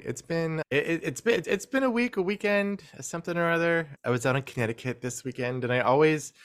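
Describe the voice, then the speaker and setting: A man's voice: fairly high pitch, fairly bright tone. A man guesting on a podcast, telling rambling stories in casual chat, often breaking off and restarting his sentences. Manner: rambling storyteller, self-interrupting.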